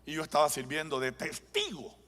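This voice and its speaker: Forceful preacher in a reverberant church. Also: male voice, on the high side, animated, brisk. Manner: dramatic storytelling, building to fervent preaching. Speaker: pastor. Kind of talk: live sermon. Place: church sanctuary. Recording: long church hall reverb.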